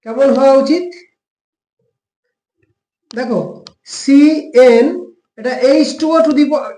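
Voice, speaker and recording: Male tutor, West Bengal accent, high voice, patient step-by-step teacher, echoey room. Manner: explains step by step with frequent rhetorical questions. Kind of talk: classroom lesson explanation.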